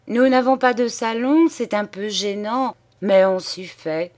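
A woman's voice: medium pitch, a little slow, pitched above the performer's own voice, natural voice. A woman reading an audiobook, voicing a jovial, blustering middle-aged clerk who plays the eager host. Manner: loud and hearty.

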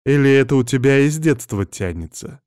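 Man voicing a mocking possessed young woman, teasing, a bit raised pitch, dry sound. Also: lively intonation, moderate pace, a little mellow, clean tone, no room sound, close to an everyday voice. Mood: taunting. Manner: sly, taunting.

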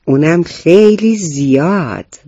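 A man's voice: on the high side, animated, dark tone, no echo. A man voicing an earnest first-grade boy who is a proud junior police helper, in a storybook reading. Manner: earnest, lecturing about rules. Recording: dull, muffled recording.

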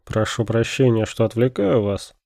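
A man's voice: fairly low pitch, moderate pace, creaky, dark tone, dry recording, clean studio sound. A man voicing a cornered male hostage who talks in a sardonic, smirking way.

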